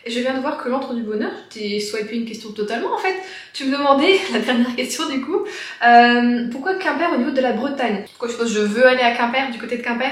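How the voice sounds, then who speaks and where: Young woman booktuber, fairly high voice, rambling chat, echoey office sound. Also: fast talker. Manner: chatty and rambling, many fillers and restarts. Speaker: book vlogger answering viewer questions. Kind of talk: casual chat to camera. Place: small home office with resonant walls.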